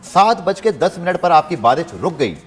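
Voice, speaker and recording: Critical Pakistani Urdu-speaking cricket analyst. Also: male voice, sits high, sing-song, normal speed, soft background music. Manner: critical, pointed.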